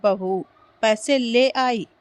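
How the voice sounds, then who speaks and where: A woman's voice: fairly high pitch, very slow. A woman voicing a bossy, greedy older mother-in-law who gives curt demands, in a storybook reading. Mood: demanding.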